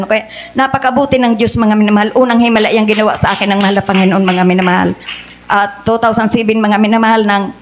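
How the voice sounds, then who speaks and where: A middle-aged woman giving an earnest church testimony in a church, calling her listeners beloved again and again. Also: medium pitch. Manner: earnest, addresses the congregation as "mga minamahal" again and again.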